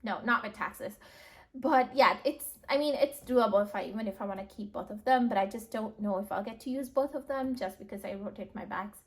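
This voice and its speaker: A woman's voice: mid-range voice, fairly quick. A heavily pregnant young woman chatting casually to viewers, tired and out of breath, thinking aloud in a hesitant, chatty way. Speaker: vlogger reviewing bags.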